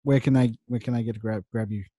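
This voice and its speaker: Easygoing and affirming, a male podcast host tells stories in casual chat, speaking fast in a mid-range, mellow voice with a steady tone. He's close up on a studio microphone, and the sound has no echo.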